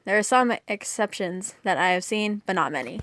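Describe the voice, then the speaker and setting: A woman's voice: mid-range voice, lively intonation, normal speed, fairly bright tone, a little hiss or hum. A young woman chatting casually and reading from a list, often distracted and breaking off to apologize. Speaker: co-host.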